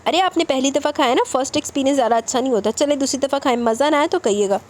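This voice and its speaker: A woman's voice: high-pitched, natural voice. A woman voicing a stubborn, coaxing young wife in a romance novel reading. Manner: coaxing, insistent.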